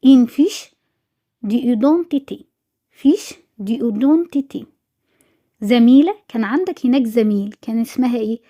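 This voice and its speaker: A woman's voice: fairly high pitch, lo-fi sound. A woman with an Egyptian Arabic accent teaching French in an exam review, repeating each word and answering her own questions. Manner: drills words with repetition, asks and answers own questions.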